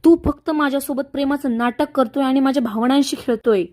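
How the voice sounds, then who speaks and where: A furious, scheming young woman in a family drama recap, her voice climbing high and sharp as she flings accusations, as a woman narrator acts her out. She sounds loud and cutting, well above ordinary speech. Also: steady tone, a little fast, close to an everyday voice.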